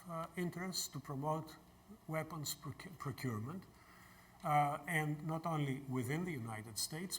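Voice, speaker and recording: An older man from Greece, giving a university lecture and taking audience questions in a measured way. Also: on the high side, a bit bright, slight background noise. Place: lecture hall.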